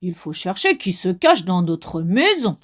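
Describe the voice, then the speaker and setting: A big father bear grumbles in a deep, gruff storybook voice, as a woman reader puts him on. He speaks slowly and heavily, every word weighed down. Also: big pitch swings, a little hiss or hum. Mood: grumbling. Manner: low booming gruff voice.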